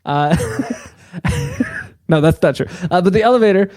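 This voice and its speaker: A man's voice: high-pitched, huge pitch swings, measured pace, a little mellow, no room sound. A man co-hosting a podcast, telling a story in casual chat and laughing often. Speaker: podcast co-host.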